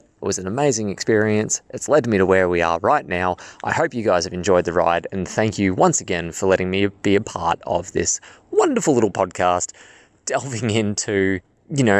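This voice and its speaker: Low-voiced Australian man in a car park. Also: no echo. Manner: jokey, confessional. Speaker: guest contributor sending a farewell message. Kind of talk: casual recorded message. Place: in a parking garage or car park.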